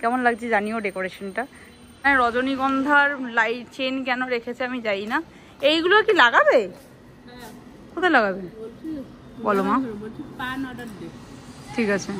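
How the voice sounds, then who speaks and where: A woman's voice: on the high side, animated, moderate pace, pauses often. A young woman chatting casually to camera in a vlog, confiding and talkative. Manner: chatty, confiding, speaking softly while eating. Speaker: vlogger.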